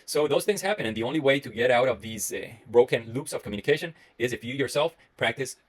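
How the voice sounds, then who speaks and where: A man in his thirties from Costa Rica with a Costa Rican Spanish accent, a medical resident giving an earnest, rambling talk to camera with many pauses and restarts. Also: medium pitch, expressive. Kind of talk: solo reflective talk to camera.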